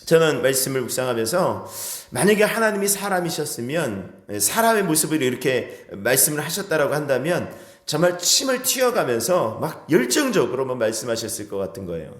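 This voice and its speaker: A man's voice: a little high, sing-song, brisk, echoey room. A man preaching a sermon as pastor, earnest, asking the congregation rhetorical questions and acting out quoted speech. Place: church sanctuary.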